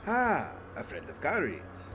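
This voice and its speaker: An actor playing a friendly, effusive uncle in a visual novel game. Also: male voice, fairly high pitch, huge pitch swings, unhurried, music in the background. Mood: friendly, curious.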